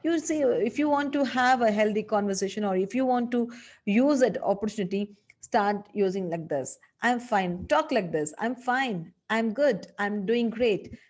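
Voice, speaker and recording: A woman's voice: medium pitch, lively intonation, normal speed, darkish tone. A woman teaching a lesson as a communication coach, acting out sample phrases with changing tone. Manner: instructive, demonstrates phrases with exaggerated tone shifts. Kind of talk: spoken English lesson.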